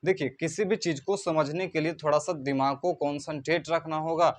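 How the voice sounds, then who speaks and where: A man teaching a math lesson in Hindi, reading out decimals digit by digit and slowing down as he writes them. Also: a little high, steady tone. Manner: spells numbers out digit by digit, slows when writing. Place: coaching centre classroom.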